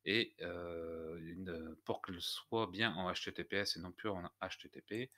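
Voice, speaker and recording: A man walking viewers through a software tutorial step by step, hesitant and full of fillers. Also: low-pitched. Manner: hesitant, many "heu" fillers, step-by-step explaining. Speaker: WordPress tutorial host. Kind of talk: screencast tutorial.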